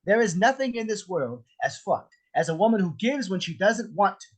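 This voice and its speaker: A man's voice: high-pitched, sing-song, moderate pace. A man playing a menacing, jealous armed husband in a script read, sarcastic, theatrical and profane. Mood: bitterly sarcastic. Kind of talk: table read of a film script. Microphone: video call.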